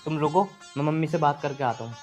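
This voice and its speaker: A man's voice: fairly high pitch, quick pace, darkish tone, faint music behind, lightly acted. An actor playing a concerned young husband torn between wife and mother in a village film drama. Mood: protective. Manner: concerned, protective. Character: caught-in-the-middle young husband.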